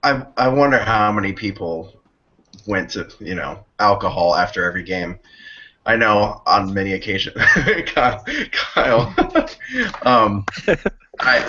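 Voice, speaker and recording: A man's voice: fairly low pitch, bright, forceful tone, a little hiss or hum. A man hosting a casual sports podcast, teasing his guests and laughing often. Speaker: podcast host. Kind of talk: casual chat. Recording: muffled lo-fi call audio.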